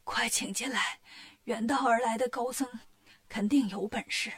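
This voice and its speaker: A woman voicing a weak, gullible male king in a storybook, talking feebly in a breathy half-whisper. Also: fairly high pitch, normal speed. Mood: feeble.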